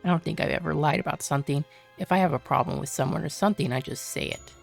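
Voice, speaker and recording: A woman voicing a gloomy male cop in a game, with a flat, morbid deadpan delivery and a gravelly edge. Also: sits low, quick pace, faint music behind, pitched below the performer's own voice. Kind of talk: reading game dialogue aloud.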